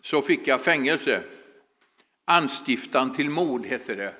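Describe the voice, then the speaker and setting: A man's voice: mid-range voice, animated, sharp tone, pitched below the performer's own voice. A man voicing a reformed former gang leader in quoted speech, in an earnest, plain manner. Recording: long hall reverb.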